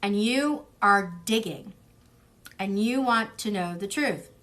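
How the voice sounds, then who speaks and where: A woman doing a relaxed tarot reading for an online audience. She talks loosely and rambles, stacking fillers and asides. Now and then she slips into quick mimicked voices for the people she is describing. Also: mid-range voice. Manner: chatty, rambling, frequent fillers and laughs. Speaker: tarot reader. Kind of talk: casual tarot reading livestream.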